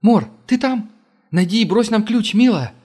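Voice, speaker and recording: A man's voice: high voice, expressive, measured pace, mellow, voice pushed up. A male reader voicing a young woman scout who calls out urgently and pleadingly, in an audiobook.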